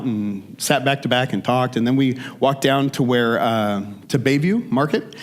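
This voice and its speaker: Casual man preaching a sermon. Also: mid-range voice. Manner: casual, conversational, many fillers and restarts. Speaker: pastor.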